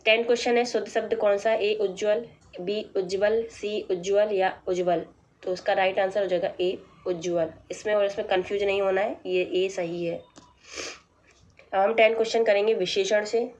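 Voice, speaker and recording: A woman teacher going through a practice test, reading out each option and then explaining the right answer in a plain, measured way. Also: medium pitch, steady tone, darkish tone. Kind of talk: exam practice lesson.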